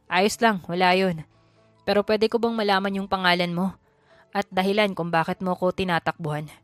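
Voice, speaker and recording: Teasing rich young man, calm, gentle, voiced by a woman, dry recording. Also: fairly low pitch, normal speed, no echo, faint music behind, voice pushed down, close to an everyday voice.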